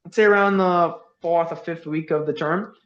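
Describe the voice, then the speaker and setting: A man's voice: fairly high pitch, steady tone, normal speed, a bit bright. Earnest young man from the Bahamas. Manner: earnest, uses many fillers like "like". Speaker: veterinary student guest. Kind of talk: casual interview conversation. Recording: roomy, dull lo-fi sound.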